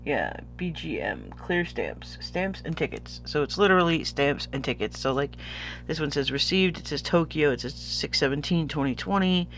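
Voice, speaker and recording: A man's voice: a little high, animated, normal speed, fairly bright tone, slight background noise. A sniffly man chatting casually as a vlogger unboxing purchases, rambling and easily losing his thread. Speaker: vlogger showing stationery purchases.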